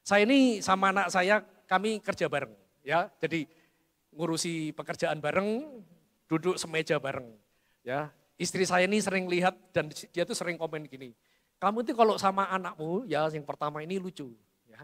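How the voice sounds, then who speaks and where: Bright-voiced pastor preaching in a hall. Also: male voice, sits high, moderate pace. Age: middle-aged. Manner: addresses the congregation as "saudara", storytelling with humor. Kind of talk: sermon. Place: large church hall. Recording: long church hall reverb.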